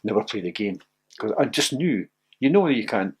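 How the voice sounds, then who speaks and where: Older ex-footballer, husky, animated anecdotes, laughs a lot. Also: male voice, moderate pace. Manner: laughing anecdotal, gets loud and high when excited. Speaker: former footballer interviewee. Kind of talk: animated storytelling.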